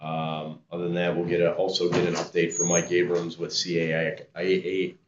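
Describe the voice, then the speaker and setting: A man chairing a committee meeting, talking haltingly with many fillers and restarts. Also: low voice, monotone. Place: large meeting room. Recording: roomy, dull, faint noise.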